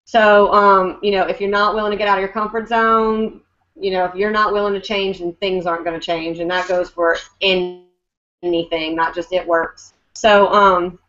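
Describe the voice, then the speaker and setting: Woman, network marketing leader, casual coaching talk, upbeat, chatty, lots of fillers, medium pitch, dull lo-fi recording. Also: steady tone, moderate pace, fairly bright tone.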